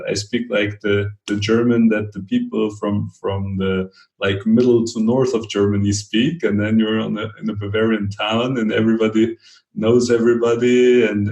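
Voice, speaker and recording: A man with a low, gravelly voice answers interview questions in a roomy, echoing space. He talks in halting bursts, restarting phrases and laughing lightly as he searches for words. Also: a little mellow. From Brazil. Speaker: podcast guest.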